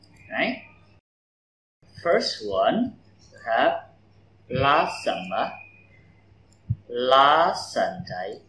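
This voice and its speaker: A male English teacher from Vietnam. He models words slowly with strong stress and explains quickly in between. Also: lowish voice, fairly bright tone, reverberant, lo-fi sound, a little hiss or hum. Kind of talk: classroom pronunciation drill.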